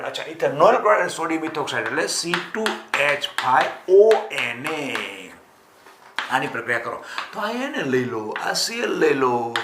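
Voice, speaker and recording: A man teaching chemistry exam prep in Gujarati, asking his students questions and answering them himself, stretching key terms out slowly. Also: a little high, fairly bright tone, echoey room, slight background noise.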